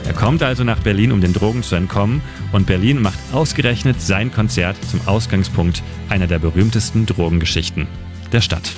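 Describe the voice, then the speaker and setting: A man narrates a scripted radio segment with a calm, informative delivery. His voice sits fairly low. A loud music bed runs under every line. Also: brisk. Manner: steady, informative storytelling.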